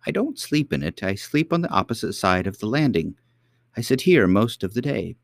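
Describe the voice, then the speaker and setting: A man voicing a kindly, very old queen who is the girl's great-great-grandmother, speaking gently and patiently. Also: lowish voice, very animated, normal speed, creaky, no echo, studio quality, voice pushed up. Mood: gentle.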